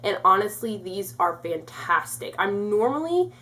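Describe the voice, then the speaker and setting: A woman's voice: mid-range voice, sing-song, unhurried, sharp tone. A young woman reviewing her favorite beauty products in a chatty way, full of "like", congested and a bit out of breath. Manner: chatty, lots of "like" fillers. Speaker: beauty vlogger.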